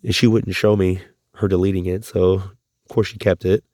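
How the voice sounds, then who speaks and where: Guy ranting into his camera, swearing a lot, kinda dark mellow voice, goes way up when he's worked up. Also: no echo, clean studio sound. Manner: rambling, profane and agitated; voice climbs high when upset. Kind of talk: confessional vlog monologue.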